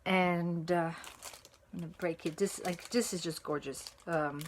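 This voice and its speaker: A woman from France, a native French speaker with a French accent, reviews chocolate on video in a lowish voice at a slightly slow pace. She chats casually and thinks aloud with many fillers, breaking into excited exclamations over slight background noise.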